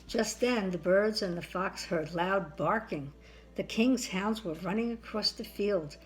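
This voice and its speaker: A woman's voice: mid-range voice, unhurried, low-quality recording. A sweet older woman, grandmotherly, narrating a children's story aloud.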